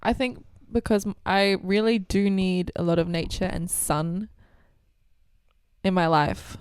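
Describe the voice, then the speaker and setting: A young woman from Australia, co-hosting a casual podcast chat, animated and quick to laugh, a little under the weather. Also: medium pitch, clean tone, no room sound, studio quality. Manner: animated, laughing, playfully dramatic. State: slightly sick. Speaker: podcast co-host.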